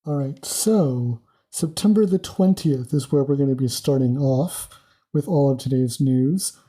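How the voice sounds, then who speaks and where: A podcast co-host, not Australian, recaps the news in an eager, excitable casual chat full of ums. The voice is mid-range and breathy-edged, moving at a measured pace.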